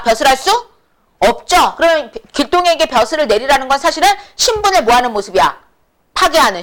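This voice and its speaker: A woman teaching classic Korean prose, asking quick questions and answering them herself in a casual, brisk lecturing manner. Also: high voice, a bit bright. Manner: brisk, colloquial, answers her own questions. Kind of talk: lecture with call-and-response questions.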